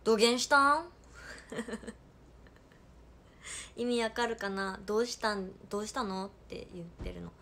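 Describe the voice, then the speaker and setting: A woman's voice: medium pitch, slow pace, creaky, long pauses. A playful young woman with a Hakata accent chatting casually on a livestream as an idol and reading viewer comments aloud. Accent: Hakata dialect.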